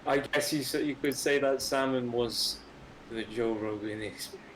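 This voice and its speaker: A man's voice: mid-range voice, normal speed, a bit bright, reverberant, slight background noise, rough recording. A man playing in a tabletop game who chats casually with crude jokes. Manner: crude, joking. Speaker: player. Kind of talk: casual chat.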